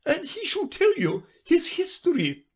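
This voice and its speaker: A man voicing a furious, imperious queen who shouts her commands in a storybook reading. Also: very high voice, huge pitch swings, a little slow, pitched above the performer's own voice, heavily acted.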